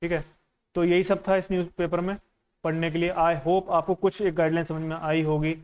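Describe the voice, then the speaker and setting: Smooth-voiced man coaching exam students. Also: on the high side, level tone, normal speed. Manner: conversational and instructive, often checking in with the listener; mixes in English phrases. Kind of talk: casual teaching while going through a newspaper.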